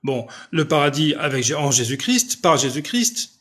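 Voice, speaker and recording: Loud, insistent French-speaking preacher. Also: male voice, a little high, very animated, normal speed. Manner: loud, insistent speech with frequent rhetorical checks. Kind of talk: live-stream preaching, answering viewers' questions.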